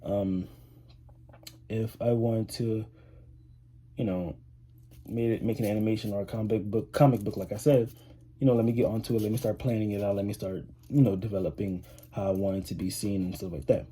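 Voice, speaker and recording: A man's voice: fairly low pitch, steady tone, a little fast, mellow, husky. An eighteen-year-old man chatting casually to camera as a vlogger, rambling with lots of fillers and restarts. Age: 18, teenager. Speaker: vlogger, high school student.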